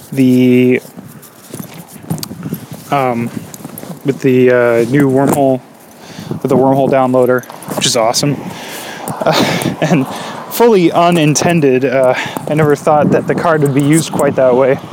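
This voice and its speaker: A man hosting a podcast on his own, rambling and hesitant with many fillers, recorded in low quality while walking a dog outdoors. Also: background noise. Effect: low-quality audio, recorded while walking outdoors. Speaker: podcast host. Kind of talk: casual solo podcast chat.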